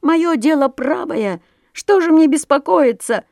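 A woman voicing a hot-tempered male sparrow, a family bird who shouts indignant, rapid outbursts. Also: a little high, animated, no room sound, studio quality. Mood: aggrieved.

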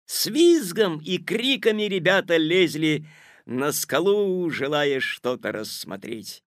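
Gravelly, expressive male audiobook narrator. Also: fairly high pitch, slow pace, no echo, clean studio sound. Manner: expressive storytelling.

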